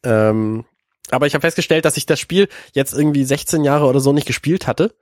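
A man's voice: medium pitch, fairly quick, a little mellow, no echo, clean studio sound. A man in his thirties with a congested, stuffy-nosed voice, chatting casually as a podcast co-host and sometimes searching for words. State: stuffy nose from being ill, sounds congested. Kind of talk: casual chat about video games.

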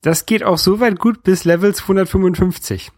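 A man with a fairly high-pitched voice talks casually about video games. He explains in a halting way, pausing as he goes. The sound is very dry, as on a podcast microphone. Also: fairly even intonation, dry recording. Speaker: podcast co-host.

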